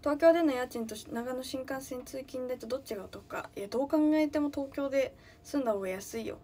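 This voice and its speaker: A woman's voice: high voice, fast talker, dark tone. A young woman from Nagano, chatting casually on a livestream, thinking aloud and greeting viewers often. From Nagano, Japan. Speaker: livestreaming idol.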